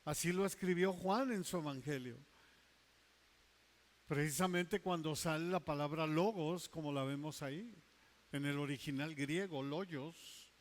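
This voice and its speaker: A male pastor preaching a sermon, emphatic, stretching key words slowly and dropping into quiet asides. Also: fairly high pitch.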